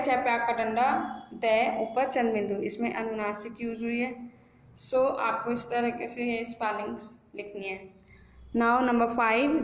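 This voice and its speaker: A woman school teacher giving a grammar lesson, spelling words out slowly and mixing English words into her explanations. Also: a little high. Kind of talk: recorded Hindi grammar lesson. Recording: echoey room.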